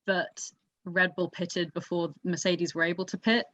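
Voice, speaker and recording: On her podcast, this female host discusses motorsport casually but analytically, explaining as she goes. She speaks unhurriedly in a lowish voice with a flat delivery and fairly bright tone, without echo, though the lo-fi audio is dull and muffled.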